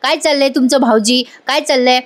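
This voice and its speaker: A woman voicing a sharp-tongued, scheming woman who brushes off blame. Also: sits high, steady tone, a little fast, close to an everyday voice. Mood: snappy. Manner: snappy, dismissive.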